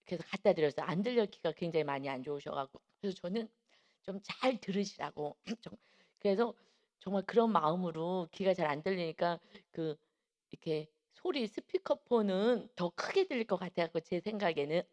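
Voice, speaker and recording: A middle-aged woman preaching at a dawn service in a conversational way. She tells personal stories, acts out other people's words, and often clears her throat. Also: on the low side, lively intonation, a little fast, darkish tone. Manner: chatty storytelling, acts out quoted voices, frequent throat clearing. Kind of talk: conversational sermon with personal anecdotes.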